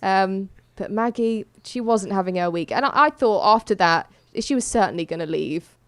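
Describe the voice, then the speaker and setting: A woman's voice: mid-range voice, normal speed, no room sound. A woman hosting a podcast, chatting casually about a baking show with light amusement. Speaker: podcast host. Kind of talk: casual chat.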